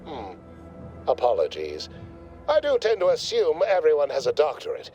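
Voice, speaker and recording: A pompous, lively corporate lab visionary. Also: male voice, fairly high pitch, moderate pace, lo-fi sound, faint music behind. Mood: smug. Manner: verbose, condescending corporate jargon. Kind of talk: video game dialogue.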